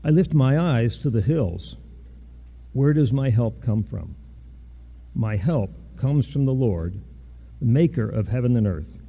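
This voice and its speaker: A man serving as college dean reads scripture in a measured, formal way before introducing the speaker. His voice sits at an ordinary middle pitch. The recording sounds dull and muffled, with the top end gone. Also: lively intonation, vocal fry, slightly rough.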